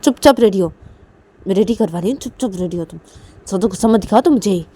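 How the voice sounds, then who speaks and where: A woman's voice: medium pitch, expressive, quick pace, mellow, husky. A woman voicing a young woman who scolds insistently. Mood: scolding.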